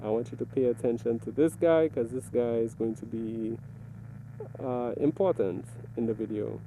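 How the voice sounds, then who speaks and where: A man giving a casual, step-by-step video commentary, explaining things deliberately and pausing mid-sentence. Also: medium pitch, mellow, a little hiss or hum, low-quality recording. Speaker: motovlogger reviewing own ride footage.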